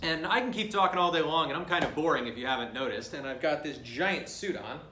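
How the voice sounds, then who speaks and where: A man hosting a comic mock sports broadcast, stumbling through his lines with plenty of fillers and self-mocking asides. His voice is bright and fairly high. The room is echoey. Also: expressive, a little hiss or hum. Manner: halting, self-deprecating, many fillers. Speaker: host.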